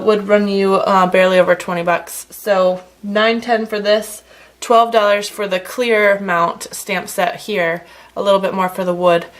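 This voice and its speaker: A woman giving a casual, chatty card-making tutorial with plenty of fillers, a slight frog in her throat. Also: medium pitch. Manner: chatty, relaxed, many fillers. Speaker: stamping craft demonstrator.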